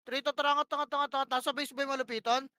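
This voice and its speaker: A woman's voice: high voice, little pitch movement, racing, pushed and bright, dry recording, clean studio sound. A woman calling plays to her team during an online game, bossy and profane, firing off short repeated commands. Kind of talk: live gameplay shot-calling.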